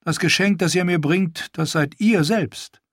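A man reading an audiobook, voicing a proud young queen who speaks in a regal, measured way. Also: sits high, dry recording, studio quality, pitched above the performer's own voice. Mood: teasing.

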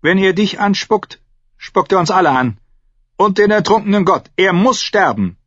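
A man's voice: high voice, animated, moderate pace, fairly bright tone, no room sound, voice pushed up. A man voicing a fanatical, stern male priest who gives harsh, zealous commands. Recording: dull lo-fi audiobook recording.

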